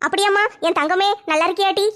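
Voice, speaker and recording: A woman's voice: very high voice, fairly even intonation, fast, fairly bright tone. A woman voicing a stern, protective middle-aged village mother, lecturing and scolding. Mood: fond.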